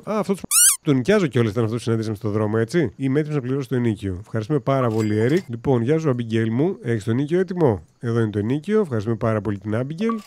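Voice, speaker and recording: A man's voice: mid-range voice, dark tone, slight background noise. A man giving casual let's-play commentary in a joking, sarcastic way with mild swearing. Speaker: gaming commentator.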